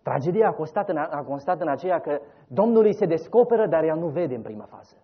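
A man preaching a sermon, telling the story dramatically, rising loud and then dropping soft. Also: on the high side, expressive, breathy edge. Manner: dramatic storytelling, voices quoted figures, rises loud then drops soft. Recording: dull lo-fi recording.

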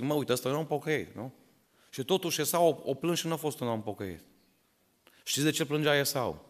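A man's voice: medium pitch, long reverb tail. A man preaching a sermon to his congregation, asking many rhetorical questions and telling stories in which he voices the characters. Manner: tells stories and voices the people in them. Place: church hall.

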